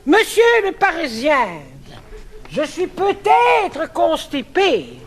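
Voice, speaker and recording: A man's voice: extremely high pitch, very animated, slow pace, gravelly. A man with a Brussels accent performing a comic sketch, proudly declaiming verse about his accent.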